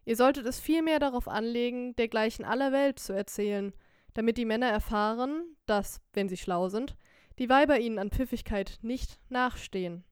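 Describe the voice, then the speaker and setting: A woman reading a classic story aloud as an audiobook narrator, with measured, classic storytelling. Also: on the high side, a little mellow, clear, resonant tone, no echo, studio quality. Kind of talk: scripted narration.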